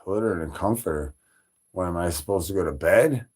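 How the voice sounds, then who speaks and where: A man from Chicago chatting loosely on a livestream, profane and rambling, with plenty of fillers and shout-outs. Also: sits low, brisk, slightly rough. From Chicago, Illinois. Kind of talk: rambling casual stream chat.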